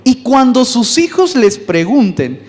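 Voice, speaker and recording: A man with a Mexican accent preaching a sermon as pastor, lively and conversational, asking his listeners questions. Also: very high voice, unhurried. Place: church. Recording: long reverb in a church hall.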